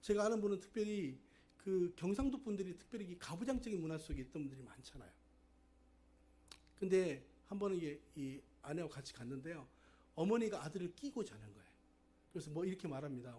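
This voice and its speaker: A middle-aged man with a notably high-pitched voice delivers a sermon as a pastor. He preaches in a conversational storytelling way and keeps turning to the congregation with rhetorical questions. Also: animated, quick pace, dark tone.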